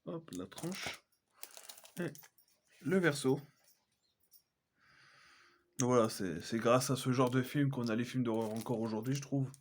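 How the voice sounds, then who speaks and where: A man talks through his film collection in a relaxed, casual way. He hesitates often, filling pauses and correcting himself mid-sentence, at an ordinary middle pitch. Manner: chatty, hesitant, many fillers and self-corrections. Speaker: collector vlogger. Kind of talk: casual unboxing chat.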